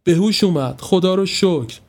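A man's voice: high-pitched, darkish tone, pitched above the performer's own voice. A man voicing a sniping, boastful woman. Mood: frantic. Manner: indignant, showy, slow stressed delivery. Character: sharp-tongued boastful middle-aged woman.

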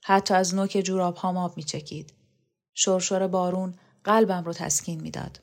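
A woman reading a novel aloud, voicing a devoted, wistful man who recalls the past in a soft, dreamy way. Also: fairly low pitch, steady tone, gravelly. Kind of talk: audiobook character reading.

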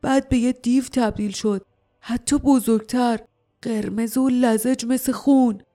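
A hulking male warrior growls his lines with a grumbling, hot-tempered edge, as a woman puts him on. The tone is dark and mellow. It is a storybook reading. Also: on the high side, steady tone, soft background music, close to an everyday voice. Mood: grim. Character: gruff hulking male warrior, quick to anger.

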